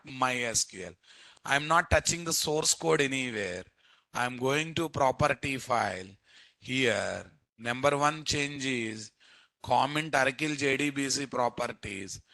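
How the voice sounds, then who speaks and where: A man with an Indian Telugu accent teaching a live software class as instructor, often repeating phrases and quizzing his listeners. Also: medium pitch, creaky, no room sound. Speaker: programming instructor.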